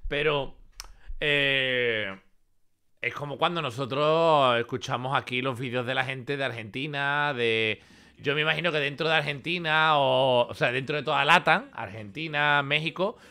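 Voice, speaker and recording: A man hosting a reaction show, chatting in a relaxed, agreeable way and thinking aloud. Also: mid-range voice, normal speed. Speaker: show host. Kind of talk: reaction commentary chat.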